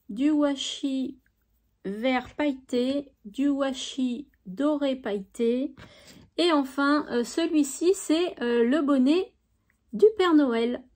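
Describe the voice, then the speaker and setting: A woman's voice: high-pitched, slow pace, a little mellow. A woman chatting enthusiastically as she shows off craft supplies, with frequent fillers. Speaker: craft YouTuber. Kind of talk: casual product show-and-tell.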